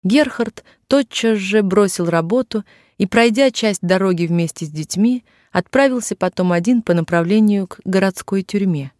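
A man narrating a novel aloud in a measured, even storytelling voice, in a dry room. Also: high voice, dry recording. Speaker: audiobook narrator. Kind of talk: scripted literary narration.

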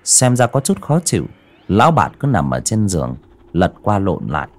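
Deep-voiced man narrating a horror story. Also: very animated. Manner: slow, suspenseful storytelling.

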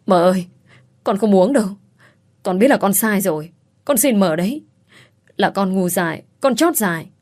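A woman's voice: fairly low pitch, normal speed, pauses often, lightly acted. A woman voicing a scheming young female servant who argues, pleads and screams curses. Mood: begging.

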